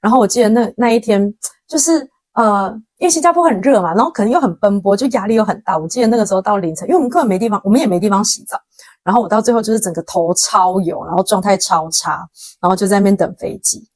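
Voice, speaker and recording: A young woman with a Taiwanese Mandarin accent, hosting a podcast and telling a story in a casual, animated way, acting out quoted lines with slang. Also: medium pitch, fast, dry recording. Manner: animated, dramatic retelling with quoted dialogue and slang. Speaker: podcast host.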